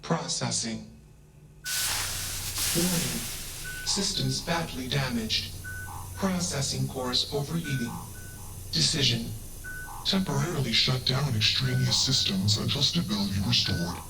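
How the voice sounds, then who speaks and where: Man voicing a slow, stilted logical robot. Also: mid-range voice, over loud music, close to an everyday voice, poor audio. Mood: strained, formal. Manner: stilted, announces each statement type. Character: damaged logical robot learning human friendship. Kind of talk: video game character dialogue.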